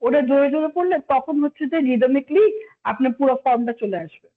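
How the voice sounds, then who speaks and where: A high-voiced Bangladeshi woman, a PTE instructor, teaches a brisk online exam-prep class over a video call that sounds thin and phone-like. She is polite, explains step by step with patience, mixes in English, and apologizes when she has to say no.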